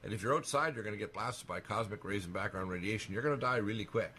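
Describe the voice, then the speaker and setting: A man talking on a radio talk show in a rapid, insistent monologue, emphatic and alarmist as he piles up claims. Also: fairly low pitch, pushed and bright, a little hiss or hum.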